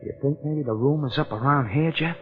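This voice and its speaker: A man playing a jumpy, complaining detective's sidekick in a 1940s radio drama, excitable and wisecracking. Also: a little high, brisk, over loud music, close to an everyday voice. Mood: nervous. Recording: muffled 1940s radio broadcast.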